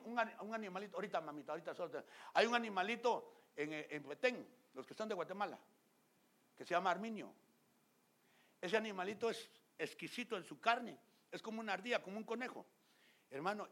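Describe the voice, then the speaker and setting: A man preaching a fiery sermon as pastor. He talks straight to the congregation, gets loud and emphatic, and acts out scenes in other voices. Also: sits high, animated, a little fast. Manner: loud and emphatic, often shouting.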